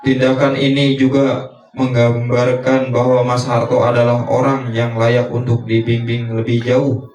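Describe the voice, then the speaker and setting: A man interprets a dream in a slow, even sermon, his phrases short and measured, with little rise or fall in his voice. He sounds set back from the mic in a roomy, echoing space. Soft music plays faintly underneath. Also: mid-range voice, a little hiss or hum. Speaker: dream interpreter and religious teacher. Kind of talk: reflective religious dream interpretation. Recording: echoey room, distant mic.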